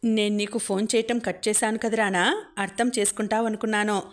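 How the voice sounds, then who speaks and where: A defiant, sharp-tongued young woman, read by a woman. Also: medium pitch, flat delivery, fairly quick, close to an everyday voice. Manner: cutting, firm.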